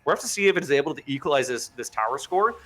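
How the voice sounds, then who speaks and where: A man doing play-by-play commentary on an esports match, excitable and speeding up as fights break out. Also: racing. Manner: excitable, speeds up and rises in pitch during fights. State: has the hiccups. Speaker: play-by-play caster.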